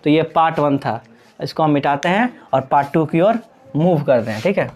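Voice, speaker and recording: Patient male teacher, fairly high voice. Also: expressive, moderate pace, darkish tone. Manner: patient, repeats points, checks in with "ठीक है"; addresses students fondly as "Babu". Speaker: English teacher. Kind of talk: Hindi-language grammar lesson at a board.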